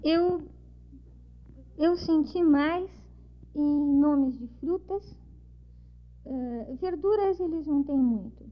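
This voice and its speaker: Interviewee, woman with São Paulo accent, high voice, lively storyteller, dull lo-fi audio. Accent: São Paulo Portuguese. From São Paulo, Brazil. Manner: lively storytelling, acts out dialogue. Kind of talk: recounting travel memories. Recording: dull lo-fi recording.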